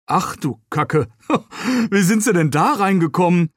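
A friendly young man who jokes his way through a muddy rescue, read aloud by a man. His voice sits a little high and sounds close and dry, like a storybook reading. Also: normal speed, no room sound. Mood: cheerful. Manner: cheerful, joking. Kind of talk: read-aloud novel dialogue.

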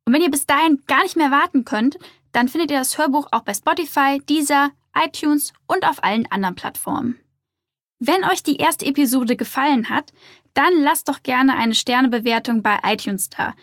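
A woman's voice: sits high, moderate pace, a bit bright, no echo, studio quality. A woman speaking the outro of a children's audiobook podcast, addressing her listeners directly and in a friendly way. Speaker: podcast host. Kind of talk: scripted outro.

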